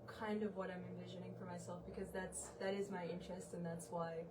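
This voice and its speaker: A young woman from Uganda, a medical student volunteer, talks in a fairly low voice from some way off the mic. She is hesitant, filling gaps with ums and kind-ofs. Steady background noise runs under her. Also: a little fast, far from the mic. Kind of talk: casual interview answers.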